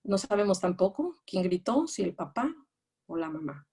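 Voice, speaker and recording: A woman's voice: medium pitch, big pitch swings, normal speed, warm tone, breathy edge. A woman giving a psychology lecture, explaining patiently and often checking that her listeners follow. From Mexico. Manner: explanatory, checks understanding with rhetorical questions; reads out quoted phrases in raised, acted tones. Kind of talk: lecture on attachment narratives.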